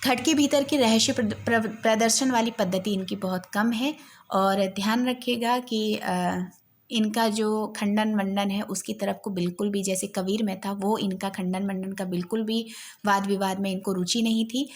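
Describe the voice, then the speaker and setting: A woman teaching a literature lesson for exam preparation. She explains patiently, repeats key points, uses frequent fillers, and recites verses slowly and carefully. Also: medium pitch, fairly even intonation. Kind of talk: exam-focused lecture.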